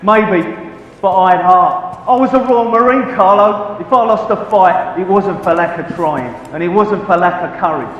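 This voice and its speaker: A British man's high voice rings through an echoey hall. a bitter, proud, washed-up boxer in a dramatic crime game. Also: moderate pace, fairly bright tone, lo-fi sound. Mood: proud, defiant. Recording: echoey hall with faint noise.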